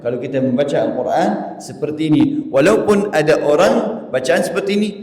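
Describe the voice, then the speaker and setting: A man's voice: fairly high pitch, expressive, darkish tone. Guy teaching quran reading, explains patiently then chants the verses, roomy echo all over. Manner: slow, patient explaining that breaks into melodic chanting. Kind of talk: recitation lesson with chanted examples. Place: large hall at a religious gathering. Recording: echoey hall with long reverb.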